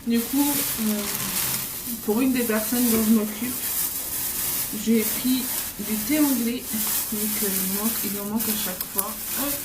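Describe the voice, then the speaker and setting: A woman's voice: on the high side, unhurried. A woman in her twenties chatting casually in a travel vlog from a hotel room, rambling with many fillers and restarts. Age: 20s. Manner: rambling, filler-heavy, self-correcting. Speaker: vlogger. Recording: roomy, distant, noisy.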